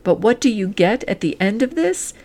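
A woman executive coach delivers a scripted promotional pitch straight to the listener, earnest and deliberate, stressing points in short listed phrases. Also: sing-song, darkish tone. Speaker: executive coach and podcast host.

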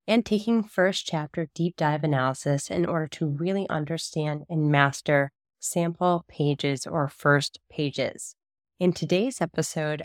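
Her voice is low and a touch scratchy from a cold, yet this podcast host in her thirties sounds upbeat and enthusiastic. A book coach, she gives an intro and casual chat, captured in a clean studio with no room sound.

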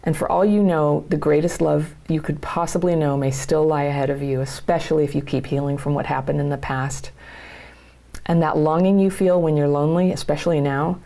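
Low, gravelly-voiced woman giving earnest advice. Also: steady tone, brisk, warm tone. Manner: earnest, encouraging, plain-spoken. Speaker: channel host and coach. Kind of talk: direct-to-camera advice talk.

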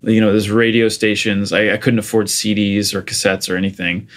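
A man in his thirties from Portugal, speaking with an American accent, chats casually as an interview guest about how he got started as a music producer. His voice is on the low side, fairly bright and brisk, with little pitch movement, and his storytelling is packed with "like" and "you know."

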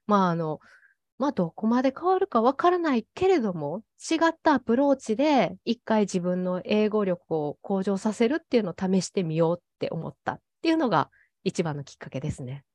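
A woman guest talking thoughtfully about her coaching, pausing often with fillers. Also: medium pitch, very animated, a little mellow, no room sound. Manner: thoughtful, pauses with frequent fillers. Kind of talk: casual interview talk.

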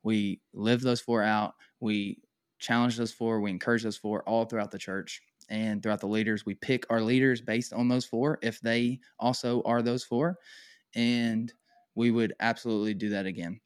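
Casual, enthusiastic American pastor. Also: male voice, on the low side, steady tone, moderate pace, smooth, no room sound, studio quality. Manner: casual and enthusiastic, slangy, laughs often. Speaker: pastor and church planter, interview guest. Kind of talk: casual podcast interview.

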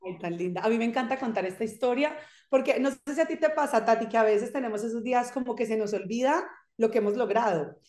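A woman's voice: fairly high pitch, fast talker, hardly any pauses, darkish tone, reverberant. A Colombian woman with a Colombian accent, a podcast guest talking in a casual interview, upbeat, emphatic and reflective.

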